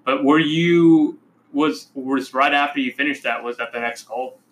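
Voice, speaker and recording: A man's voice: medium pitch, measured pace, a bit bright, a little hiss or hum, rough recording. A male podcast host chatting casually over an online call whose audio keeps glitching and dropping out. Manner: loose, talks in fillers and restarts. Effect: glitchy call audio cutting out. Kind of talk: casual remote interview chat.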